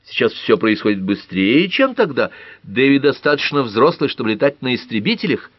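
An earnest twenty-year-old girl argues her case calmly, as a man puts her on. Her voice is raised and lively, well above the narrator's own, and the recording is dry. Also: mid-range voice, normal speed, dry recording, voice pushed up. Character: young woman, twenty, calm and persuasive.

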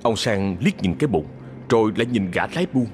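Low-voiced male ghost-story narrator. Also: slight background noise. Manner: measured, expressive storytelling.

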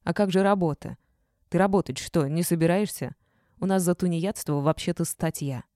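A woman reading a gruff, domineering middle-aged male boss who talks in a blunt, bossy growl. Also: fairly low pitch, moderate pace, dark tone, no echo, studio quality, lightly acted. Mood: stern.

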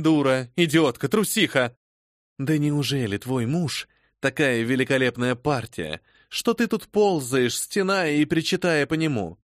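A man's voice: mid-range voice, natural voice. A cold, ruthless noblewoman, scornful and commanding, as a male audiobook reader voices her. The voice stays only a little above his own and is recorded close and dry, with no echo. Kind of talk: audiobook reading.

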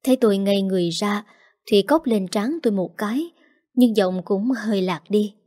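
A woman's voice: medium pitch, normal speed, dark tone. A woman narrating a first-person audio story with an emotional, heartfelt manner.

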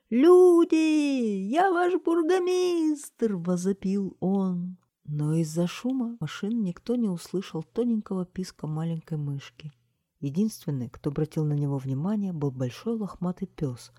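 A woman narrating a children's storybook in a lively, expressive way on a close mic. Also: low-pitched, no echo. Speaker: audiobook narrator.

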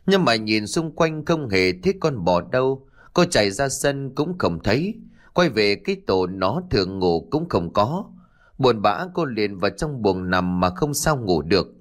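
A man narrating a story in an expressive, dramatic way. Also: fairly low pitch, a little slow.

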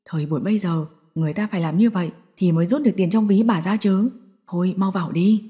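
A woman's voice: on the low side, fast, dark tone, pitched below the performer's own voice, natural voice. A woman voicing a tearful older father in an audio story, pleading and choked up.

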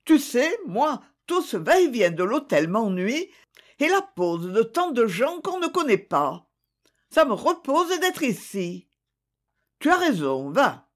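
A reader voicing a lively, affectionate young girl in a French novel reading, with a bright, excited lilt. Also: mid-range voice, takes it slowly, voice pushed up. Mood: eager. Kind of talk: audiobook character voice.

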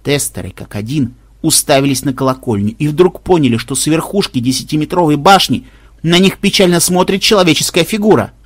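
An audiobook narrator reading expressively and with much lively variety. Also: medium pitch, brisk, no room sound, clean studio sound.

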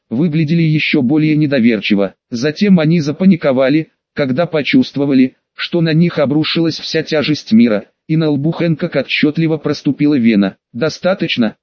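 A man's voice: fairly high pitch, dry recording. A man reading an audiobook aloud, speaking evenly with hardly any change of voice for the characters. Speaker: audiobook reader. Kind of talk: audiobook narration. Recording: dull lo-fi close-miked sound.

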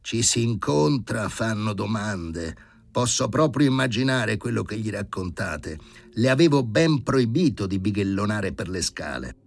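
A man voicing an exasperated elderly male professor surgeon who talks slowly and with fussy indignation, in an audiobook reading. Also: lowish voice, lively intonation, vocal fry, pitched above the performer's own voice, full character voice. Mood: weary.

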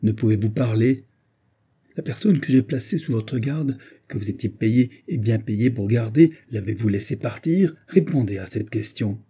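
A man reading an audiobook, voicing a furious, scheming gentleman who shouts accusations at his housekeeper. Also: on the low side, flat delivery, a little slow, few pauses, breathy edge. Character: enraged scheming gentleman, middle-aged man.

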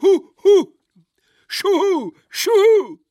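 A man voicing a very young, drunk schoolboy who heckles in a shrill shout. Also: animated, a little slow, no room sound, studio quality, full character voice. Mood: mocking.

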